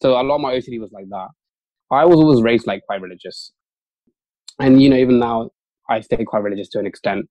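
Speaking as a guest on an interview, this young junior doctor, Urdu being his first language, is fast and chatty, full of fillers and false starts. His mid-range voice sounds warm, with no echo but the highs cut off.

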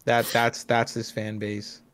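A man's voice: mid-range voice, monotone, slow pace, fairly bright tone. A man co-hosting a casual group reaction podcast, blunt and mocking with plenty of profanity. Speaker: podcast co-host.

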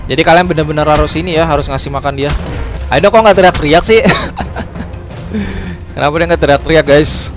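A young man hosting a casual game tutorial, chatty and upbeat, often calling out to his viewers and laughing off his own mistakes. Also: fairly high pitch. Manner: chatty, says guys constantly, quick apologies and laughs at his own slips. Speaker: gaming channel host. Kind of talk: casual gameplay tutorial commentary. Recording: music playing under the voice.

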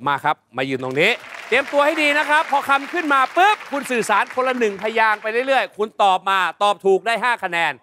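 A man hosting a TV game show, playful and loud, explaining the rules with bursts of shouting. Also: very high voice, big pitch swings, fast talker, few pauses, background noise. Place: TV studio with audience.

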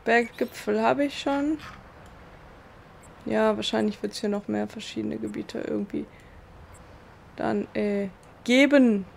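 Higher-voiced, creaky woman let's player, noisy recording. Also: fairly even intonation, takes it slowly, pauses often. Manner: blunt, impatient, colloquial. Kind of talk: casual gameplay commentary. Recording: clear background noise.

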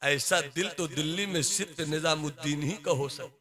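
A man's voice: fairly high pitch, normal speed, a crowd in the background. A male preacher giving a sermon, telling a story with dramatic, rhythmic repetition and sung verse.

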